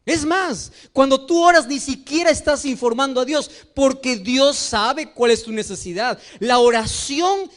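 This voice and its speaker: A man's voice: extremely high pitch, measured pace, hardly any pauses, fairly bright tone. A middle-aged male pastor preaching a sermon to his congregation, impassioned and sing-song, often putting questions to the listeners. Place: church before a congregation.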